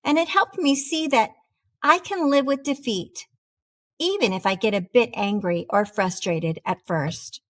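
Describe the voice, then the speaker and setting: A female reader voices a proud talking cheese, a dramatic cheddar wheel learning humility, as she narrates an animated children's storybook read-aloud. Her high-pitched delivery is theatrical, expressive and deliberate, unhurried in pace, with a calm, reflective mood.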